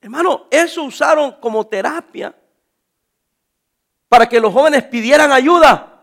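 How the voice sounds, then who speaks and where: A pastor preaching a sermon, animated, calling his listeners brothers and acting out the voices of people in his stories. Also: very high-pitched, unhurried. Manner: acts out quoted voices.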